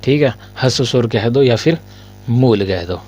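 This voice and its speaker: A male Hindi grammar teacher in a casual lesson. He asks his students questions, answers them himself, and often coughs and clears his throat. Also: medium pitch, animated, moderate pace, darkish tone, a little hiss or hum.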